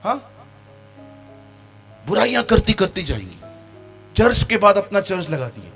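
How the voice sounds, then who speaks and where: A man's voice: high voice, sing-song, measured pace, a bit bright, soft background music. A man preaching a sermon as pastor in a church meeting, joking with the congregation and mimicking its members.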